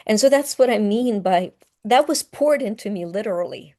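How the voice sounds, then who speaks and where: A woman's voice: mid-range voice, expressive, moderate pace, mellow. A woman in her fifties, from Ukraine, telling personal stories as a podcast guest in an earnest, heartfelt way. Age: 50s. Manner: earnest and heartfelt, choking up at times. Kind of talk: emotional personal storytelling.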